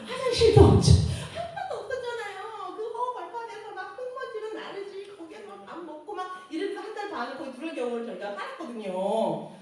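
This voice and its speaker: A woman sharing a church testimony, telling her story in a lively way, acting out quotes and laughing often. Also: extremely high pitch, fairly quick, few pauses. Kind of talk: personal testimony. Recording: echoey room, distant mic, faint noise.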